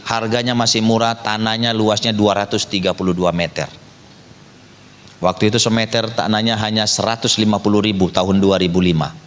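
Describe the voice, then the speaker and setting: A middle-aged male pastor preaching a sermon, telling a personal story and swinging between loud, high emphasis and low, quiet asides. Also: big-room sound. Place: church sanctuary.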